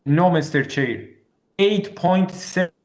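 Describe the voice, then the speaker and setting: A man speaking as an applicant at a hearing over a remote call whose audio keeps breaking up, in halting, broken-off phrases. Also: high voice, expressive, echoey room. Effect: call audio breaking up and cutting out. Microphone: remote call from a phone or headset.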